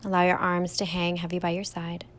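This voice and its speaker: Her voice runs on the low side with a level tone as this young yoga teacher guides a standing meditation. She speaks slowly, gently and soothingly, softly elongating words.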